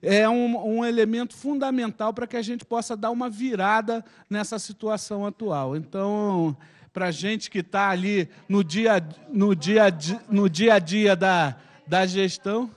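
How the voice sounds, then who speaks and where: A man in his fifties, a public health professor, introducing himself at a meeting with a handheld microphone, halting and restarting his words. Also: sits high. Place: large meeting room.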